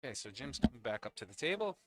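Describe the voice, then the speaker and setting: Indoors at a pool league venue, a man with a mid-range voice and big pitch swings talks fast as he calls a match live. Between shots he chats with his co-commentator.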